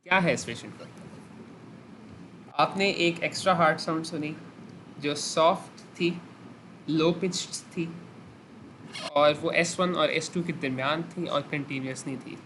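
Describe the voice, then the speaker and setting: A man's voice: fairly high pitch, fairly even intonation, a little slow, long pauses, fairly bright tone, slight background noise. A man teaching a clinical lesson over a video call, explaining step by step, questioning his students and mixing in English phrases. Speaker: medical teacher.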